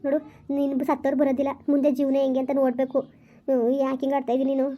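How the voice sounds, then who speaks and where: A woman's voice: high-pitched, completely flat delivery, rapid-fire, dark tone, close to an everyday voice. A woman playing a young woman who is eager to marry a grieving man, coaxing and impatient. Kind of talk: village skit acting.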